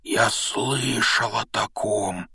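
A man voicing an excitable, easily awed boy wizard in a storybook reading, with high, breathless exclamations. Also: normal speed, dry recording, studio quality, lightly acted. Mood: awed hush.

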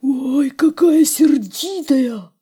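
A woman voicing a grey male wolf who calls out loudly and boasts. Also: sits high, extremely slow, voice pushed up. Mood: boastful. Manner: shouting, swaggering.

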